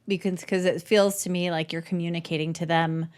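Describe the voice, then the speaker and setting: A woman co-hosting a podcast, chatting casually and teasing her co-hosts. Her voice sits a little low, and her talk is playful and easygoing. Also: steady tone, brisk, smooth. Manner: joking, laughs often. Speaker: podcast co-host. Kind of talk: casual chat.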